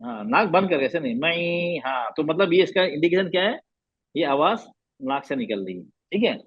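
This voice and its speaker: Patient man teaching recitation, slightly high. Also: very animated, dull audio. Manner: patient, repeats sounds slowly, asks class questions. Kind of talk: classroom teaching. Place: classroom.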